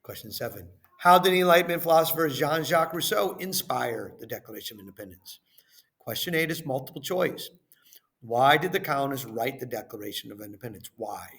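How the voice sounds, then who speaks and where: A man reading a lesson and worksheet questions aloud as a teacher, in a deliberate, instructional way, stressing phrase openings and trailing off at the ends. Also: mid-range voice, expressive, gravelly, fairly bright tone.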